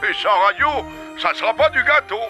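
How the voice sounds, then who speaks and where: A man's voice: extremely high pitch, animated, brisk. A man voicing a jolly, commanding old Santa Claus in a French children's cartoon, hearty and exclamatory. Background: music.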